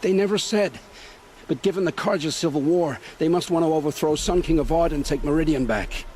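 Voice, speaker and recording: In a video game drama, an actor voices a frightened, world-weary scrounger who has become an informant, his fairly high, slightly mellow male voice sounding natural and anxious. He tells his story in halting, grim, folksy phrases.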